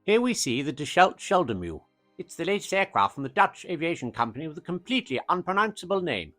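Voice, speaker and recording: A man's voice: fairly high pitch, big pitch swings, fast talker, pushed and bright, faint music behind, pitched above the performer's own voice. A man putting on a chirpy old newsreel announcer. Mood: announcing. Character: jaunty male 1930s newsreel announcer. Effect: old newsreel narration.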